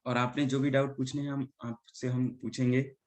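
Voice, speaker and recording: A man's voice: mid-range voice, little pitch movement, moderate pace. A male teacher giving an online class lecture, mixing Hindi and English and often checking in with the students. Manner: mixes Hindi and English, keeps asking "ठीक है?". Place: indoor room.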